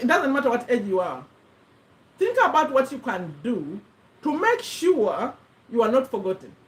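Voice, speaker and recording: A Ugandan woman in her fifties, a vlogger in the USA, talks casually to camera in a high-ish voice. She rambles earnestly and corrects herself as she goes. The audio quality is poor.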